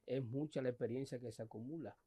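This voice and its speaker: A man's voice: medium pitch, fast talker, crowd noise. A man, putting questions formally and respectfully as a podcast interviewer.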